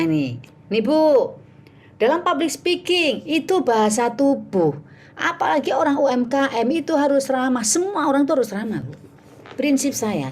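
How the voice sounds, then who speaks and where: Woman giving an online public speaking class, voice jumps all over, acts out customers. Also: fairly high pitch. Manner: animated, acts out sales dialogues. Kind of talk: online workshop lecture. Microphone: video call.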